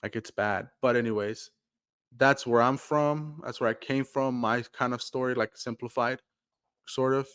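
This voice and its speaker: A man's voice: medium pitch, fairly even intonation, normal speed, a bit bright, clean tone, no room sound, studio quality. A young man from Mexico, co-hosting a podcast in a loose, rambling casual chat full of fillers. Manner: laid-back, rambling with many fillers. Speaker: podcast co-host.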